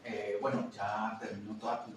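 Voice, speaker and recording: A man, a teacher, chatting casually and telling classroom stories in an animated way that acts out other voices. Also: fairly low pitch, moderate pace, distant mic. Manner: animated, acts out quoted voices and laughs often. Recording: roomy echo, away from the mic, faint noise.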